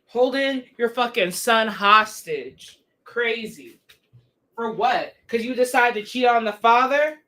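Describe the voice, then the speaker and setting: A woman's voice: a little high, lively intonation, sharp tone. A young woman livestreaming a casual rant, blunt and profane, firing off exasperated rhetorical questions. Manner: rhetorical questions, drawn-out emphasis.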